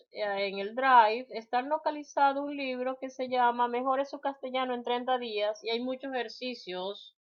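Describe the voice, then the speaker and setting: A woman's voice: a little high, muffled recording. A woman teacher giving a spelling lecture, reading out word lists and addressing her students directly.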